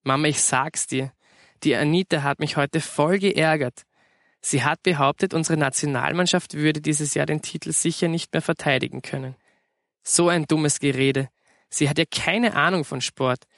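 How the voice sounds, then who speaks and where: A man's voice: fairly high pitch, a bit bright, dry recording, clean studio sound. A man voicing a chatty, demanding schoolgirl who pleads and hops between topics in a storybook reading. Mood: pleading chatter. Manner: rapid topic-hopping pleading.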